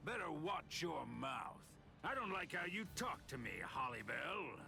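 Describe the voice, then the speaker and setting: Arrogant, swooping gravelly villain. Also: male voice, a little high, sing-song, unhurried, bright, forceful tone, exaggerated voice. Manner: arrogant, sneering. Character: arrogant, bullying male villain who claims command. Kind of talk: anime game cutscene acting. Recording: music under the voice.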